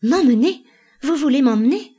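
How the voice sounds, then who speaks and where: A woman playing a haunted, frantic wife, husky. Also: medium pitch, moderate pace, close to an everyday voice. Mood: terrified. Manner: pleading, panicked outbursts. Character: anguished haunted married woman. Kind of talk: dramatic play reading.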